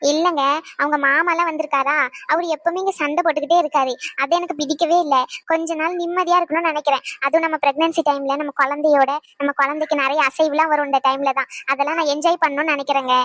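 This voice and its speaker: A woman's voice: high-pitched, fairly even intonation, quick pace, a bit bright, dry recording. A woman voicing a cheerful, loving pregnant young wife in a cartoon, coaxing and teasing her husband. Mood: playful. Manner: coaxing, playful, giggly. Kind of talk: cartoon voice acting.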